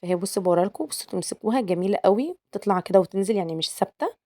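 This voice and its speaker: A woman's voice: medium pitch, lively intonation, very fast, darkish tone. A young woman with an Egyptian accent, chatting casually to her viewers as she shows her cooking and coaxes them to like the video. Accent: Egyptian Arabic. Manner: chatty, coaxing, addresses viewers as girls. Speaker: cooking channel host.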